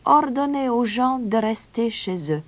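A woman voicing a calm, sly young male stranger who plays the pipe, speaking softly and slowly in a storybook reading. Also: on the high side, pitched above the performer's own voice. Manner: calm, soft, drawn-out.

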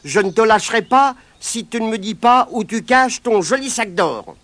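A woman's voice: on the high side, expressive, moderate pace, fairly bright tone, no echo, voice pushed up. A woman voicing a cocky, stubborn young Irish boy who taunts and orders about in a raised voice. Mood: bossy. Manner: bossy and taunting, raises his voice.

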